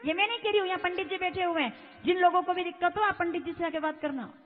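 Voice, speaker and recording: A woman with a very high, piercing voice preaches an impassioned devotional sermon. She keeps throwing rhetorical questions at a large crowd. Her voice rings through a long, echoey space on a tinny, phone-like recording, with faint music behind. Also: fast. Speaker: kathavachak preacher. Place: large religious gathering.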